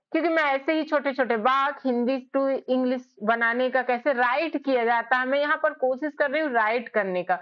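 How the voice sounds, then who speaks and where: A woman teaching English spelling in a casual lesson, explaining slowly letter by letter. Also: sits high. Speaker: English tutor. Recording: slightly dull lo-fi sound.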